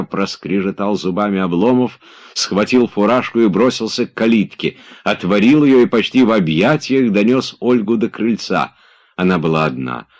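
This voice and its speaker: Male narrator, very low voice, steady literary audiobook read.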